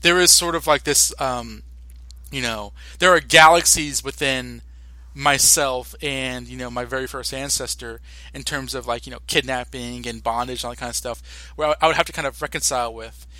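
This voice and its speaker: A young American man co-hosting a podcast in casual, animated talk, often restarting his sentences. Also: medium pitch, no room sound. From United States. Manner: animated, halting with many restarts and fillers. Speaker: podcast co-host.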